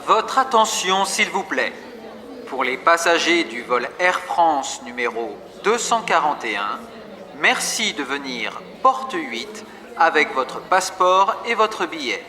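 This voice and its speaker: A man making formal, measured announcements over a PA system, reading scripted notices. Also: on the high side, sing-song, sharp tone. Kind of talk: scripted public announcement for a listening exercise. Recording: long reverb, faint crowd behind.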